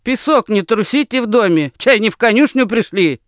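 A man voicing a grumpy, hunched old woman servant who scolds in a slow, drawn-out grumble. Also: high-pitched, lively intonation, no echo, clean studio sound, voice pushed up. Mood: grumbling.

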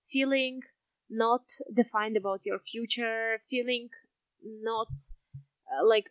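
Higher-voiced young Russian woman, chatting reflectively. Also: no echo, low-quality recording. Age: 20s. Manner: hesitant, searching for words. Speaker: podcast co-host. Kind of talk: casual reflective chat.

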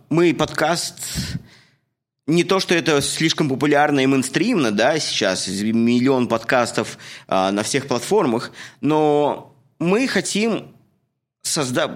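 Speaking slowly in an animated, medium-pitched voice, a man in his thirties from Russia co-hosts a laid-back podcast. He talks earnestly, with fillers sprinkled throughout.

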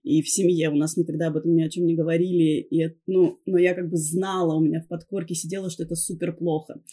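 A woman's voice: deep voice, flat delivery, quick pace, warm tone, slightly rough. A woman in her thirties or older, a podcast guest telling personal stories casually and candidly, with self-mockery and swearing. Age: 30s or older. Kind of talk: casual confessional storytelling.

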